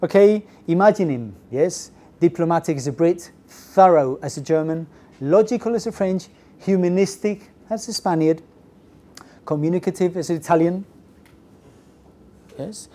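A middle-aged man giving a business English class lecture, lively and constantly checking in with the audience. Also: high voice, normal speed. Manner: lively, asks the audience "okay? yes?" often. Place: classroom with projector screen. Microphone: lapel mic.

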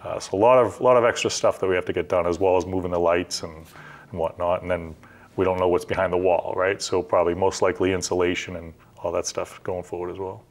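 A man's voice: low-pitched, little pitch movement, quick pace. A middle-aged man, a construction company owner, explaining the stages of a job step by step in a practical, conversational way on a TV studio set. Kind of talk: explanatory interview talk.

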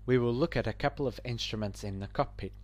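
A man narrating a scripted flight-training lesson in a measured, explanatory way. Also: mid-range voice, darkish tone. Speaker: flight instructor.

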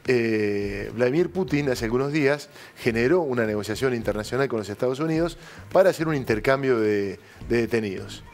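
A middle-aged man with an Argentine Spanish accent hosts a political talk show in a TV studio, speaking fairly quickly at medium pitch with an animated, slightly mellow voice. He tells stories emphatically and addresses his co-host by name.

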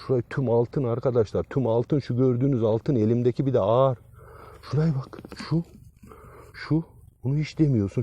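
A man hosting an outdoor treasure-hunting vlog, exclaiming and repeating short phrases, often dropping to a hushed voice. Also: fairly low pitch. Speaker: treasure-hunting video host. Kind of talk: excited outdoor vlog commentary. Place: outdoors by a tree in sunlight.

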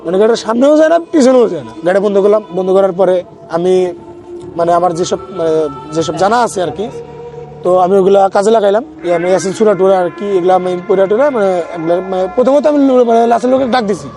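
Speaking fast in a high voice with a dark tone, a man who drives an ambulance tells his own story casually and rambles, often restarting sentences. There's faint music under the recording.

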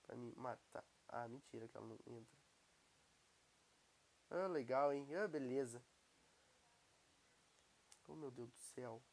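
A young man with a Brazilian Portuguese accent, commenting casually and excitably on his gameplay while he has a cold. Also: mid-range voice, unhurried, creaky, long pauses. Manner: excitable, exclaiming at the screen. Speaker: gaming YouTuber.

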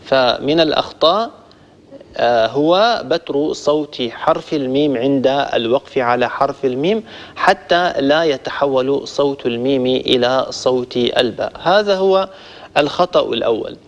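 A man teaching Quran recitation, patiently explaining each point step by step and slowly demonstrating the sounds to a group of listeners. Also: mid-range voice, lively intonation. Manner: addresses listeners warmly as a group. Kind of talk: instructional lesson on pronunciation. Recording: long reverb, dull lo-fi sound.

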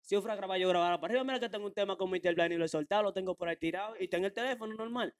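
A man's voice: high voice, racing. A young man with a Dominican Spanish accent, giving a brash, slangy interview and repeating phrases for emphasis. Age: young adult. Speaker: interview guest. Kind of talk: casual street-slang interview. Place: small furnished room indoors. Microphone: handheld microphone held out by interviewer.

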